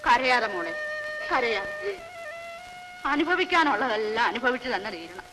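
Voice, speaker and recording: A soothing nurse. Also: female voice, fairly high pitch, very animated, a little slow. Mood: consoling. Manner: soothing, consoling. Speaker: nurse comforting a girl. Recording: old film soundtrack with reverb and music.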